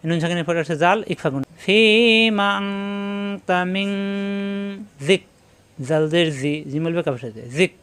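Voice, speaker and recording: A man teaching Quran reading, spelling each syllable aloud and then chanting the joined words in a slow, drawn-out tune. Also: a little high, clean tone. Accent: Bangladeshi Bengali. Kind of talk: slow letter-by-letter recitation lesson.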